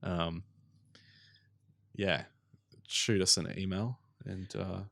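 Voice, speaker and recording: A man co-hosting a casual podcast, rambling along in a relaxed way with plenty of fillers. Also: sits low, extremely slow, vocal fry, no echo, clean studio sound. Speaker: podcast co-host. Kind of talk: casual chat.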